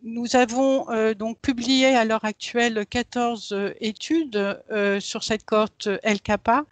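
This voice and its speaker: A woman's voice: on the high side, fairly even intonation, slow pace, no room sound. A woman professor giving a hesitant conference talk over a video call through a headset mic, her voice cut up by a choppy connection. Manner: hesitant, many filler sounds. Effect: choppy online connection. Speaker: professor presenting a research cohort.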